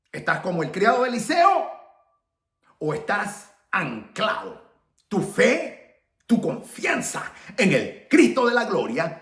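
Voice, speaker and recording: A man preaching a fervent sermon, hammering on repeated rhetorical questions and sometimes shouting. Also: high voice. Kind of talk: impassioned sermon. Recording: echoey room sound.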